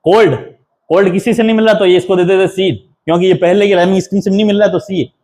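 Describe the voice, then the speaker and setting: A man delivers a patient classroom-style lecture. His voice sits high for a man, and he repeats key terms and counts out the stresses one by one. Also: fairly even intonation, fast talker, darkish tone. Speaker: assistant professor teaching English poetry. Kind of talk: lecture explaining a poem.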